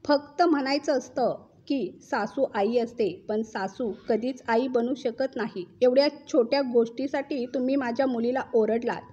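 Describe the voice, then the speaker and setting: A woman's voice: a little high, moderate pace, hardly any pauses, dark tone, breathy edge, dull audio. A woman voicing a quarrelsome middle-aged mother who accuses and scolds her daughter's in-laws. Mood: accusing.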